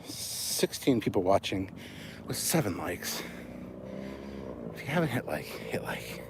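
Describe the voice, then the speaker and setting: His voice is low and gravelly, its pitch swooping wildly, and he speaks slowly. This Canadian livestream host walks outdoors somewhat out of breath, chatting casually with viewers, swearing, and reading out and answering their comments. The recording is noisy, with vehicles audible.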